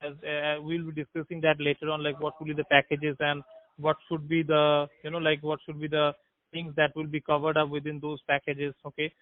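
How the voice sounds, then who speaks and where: A man's voice: on the high side, monotone, brisk, no echo. A man from India with an Indian accent, speaking as a telemarketer on a business phone call, explaining hesitantly and checking that he is followed. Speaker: telemarketer selling website services. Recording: dry, tinny narrow-band phone line.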